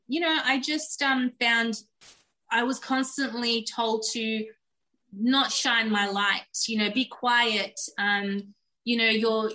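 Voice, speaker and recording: On poor audio, a Turkish-speaking Australian woman recounts her life as a podcast guest, her voice a little high, bright and forceful. The storytelling is candid, earnest and reflective.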